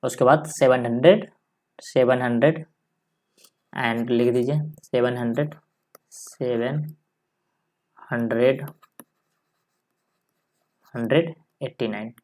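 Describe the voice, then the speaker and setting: A male maths teacher giving a step-by-step lesson, dictating slowly and repeating each number as he writes it. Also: medium pitch, fairly even intonation, a little mellow. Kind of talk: step-by-step lesson while writing on a board.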